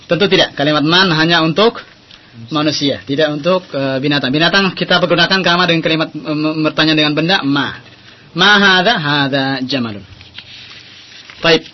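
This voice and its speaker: A man's voice: fairly high pitch, moderate pace. A man teaching a radio Arabic lesson, patiently drilling phrases and quizzing his listeners. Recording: dull lo-fi AM radio audio.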